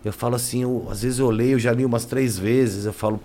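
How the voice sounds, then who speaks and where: A man's voice: mid-range voice, steady tone, brisk, mellow, slight background noise. A man, a guest telling his life story in casual, slangy talk that leans on "né" and "cara". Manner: slangy, keeps adding "né" and "cara". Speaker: interview guest.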